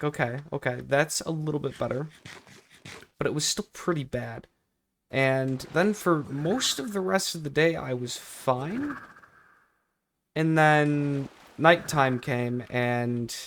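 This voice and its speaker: A man's voice: mid-range voice, slight background noise. Young man rambling emphatically, casual vlog. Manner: rambling, repeats phrases for emphasis. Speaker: video creator. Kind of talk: casual storytelling vlog over gameplay.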